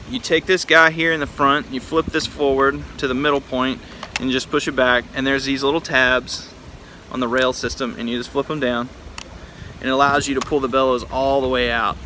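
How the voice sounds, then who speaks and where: A man's voice: mid-range voice, bright, forceful tone. An American man from Texas speaking casually and informally from his backyard, giving a hands-on demonstration to camera. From Texas, United States. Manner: informal, laid-back address from the backyard. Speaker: vlogger presenting vintage cameras. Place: outdoors in a backyard by a pool. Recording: outdoor backyard with faint background noise. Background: faint outdoor pool noise.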